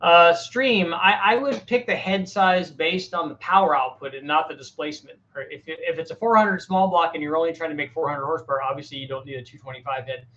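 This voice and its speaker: A man's voice: a little high, a little fast, few pauses, bright, forceful tone, muffled recording. A middle-aged man hosting a casual live Q&A, answering viewers' technical questions in a plain-spoken way, often restarting his sentences. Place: home workshop with a fan running.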